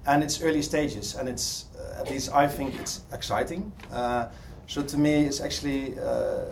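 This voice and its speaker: A man's voice: mid-range voice, normal speed, background noise. A man from the Netherlands with a Dutch accent, giving a hesitant conference presentation full of ums and restarts. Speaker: conference speaker. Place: conference hall.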